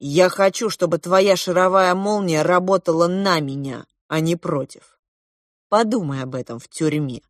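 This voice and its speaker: A woman's voice: on the low side, moderate pace, no room sound, studio quality, close to an everyday voice. A woman voicing a haughty, cruel elder prince who mocks and commands in a storybook reading. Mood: threatening. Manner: mocking, commanding.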